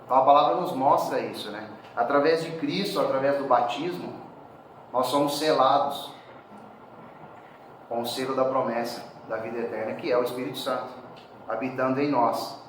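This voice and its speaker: A man's voice: medium pitch, moderate pace, fairly bright tone, a little hiss or hum. A man preaching a sermon in a church hall, talking conversationally and often adding tag questions. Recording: very echoey hall, speaker far from mic.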